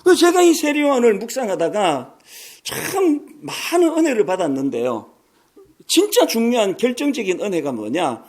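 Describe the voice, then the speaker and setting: Animated high-voiced pastor in his sixties. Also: normal speed. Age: 60s. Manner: animated, storytelling with humorous asides. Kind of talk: sermon.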